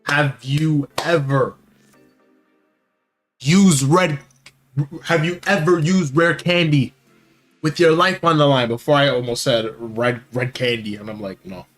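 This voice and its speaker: A young man giving live commentary on his card game, muttering one moment and yelling taunts the next, repeating his hype lines. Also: medium pitch, fairly even intonation, normal speed, faint music behind. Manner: hype, repeats taunting phrases, swings from quiet muttering to shouting. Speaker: gaming channel host. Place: home gaming setup with monitor.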